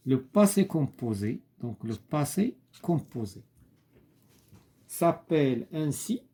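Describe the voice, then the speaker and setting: A man leads a primary French lesson. He reads each word carefully, repeats it, then explains in quick asides. His voice is mellow and dark, pitched in a middle range. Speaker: teacher.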